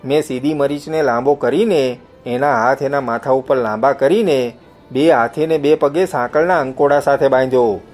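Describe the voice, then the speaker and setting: A man reading a novel aloud as an audiobook narrator, telling it in first person and lifting his voice for the shouted lines. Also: mid-range voice, moderate pace, soft background music.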